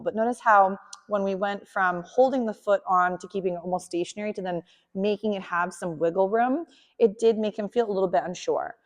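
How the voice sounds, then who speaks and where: A woman dog trainer giving a hands-on lesson, explaining calmly and softly praising the dog. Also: medium pitch, big-room sound.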